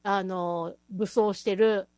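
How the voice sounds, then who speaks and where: A woman's voice: medium pitch, steady tone, slow, darkish tone, dry recording. A woman hosting a casual chat show, talking enthusiastically and laughing often. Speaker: host.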